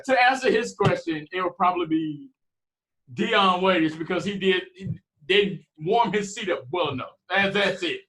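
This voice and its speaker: A man's voice: sits high, normal speed, fairly bright tone, low-quality recording. A man co-hosting a sports podcast, playful and teasing, joking with mock drama. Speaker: podcast co-host. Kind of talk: casual sports podcast chat.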